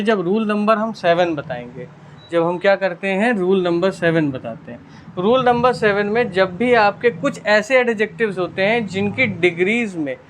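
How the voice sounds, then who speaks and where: A male teacher with a Hindi accent and a fairly high voice talks students through a grammar lesson. He coaxes them along by posing questions and answering them himself, and he checks in with "theek hai" again and again. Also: a little hiss or hum. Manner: coaxing, asks and answers his own questions; repeats "ठीक है" constantly. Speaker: English teacher.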